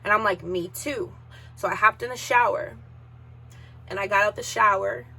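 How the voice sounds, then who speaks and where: Bright-voiced woman telling a grief story. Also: mid-range voice, normal speed, vocal fry, husky. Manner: emotional, tearful at times. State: holding back tears. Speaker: podcast host. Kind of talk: personal storytelling.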